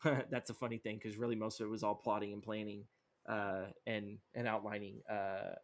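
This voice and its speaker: A man's voice: lowish voice, little pitch movement, moderate pace. Rambling, cursing young man chatting. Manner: rambling, profane, lots of fillers. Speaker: podcast co-host. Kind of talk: casual chat.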